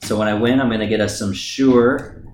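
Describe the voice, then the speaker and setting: A podcast co-host in casual chat, talking loud and cursing freely after a few beers. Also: mid-range voice, steady tone, moderate pace, reverberant, slight background noise. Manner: loud, swearing, bouncy delivery.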